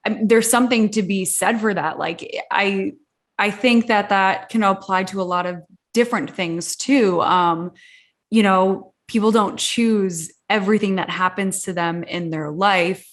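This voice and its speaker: A woman's voice: mid-range voice, measured pace. A woman hosting a podcast, chatting casually with fillers. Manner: conversational, with fillers. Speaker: podcast host. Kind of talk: casual interview chat.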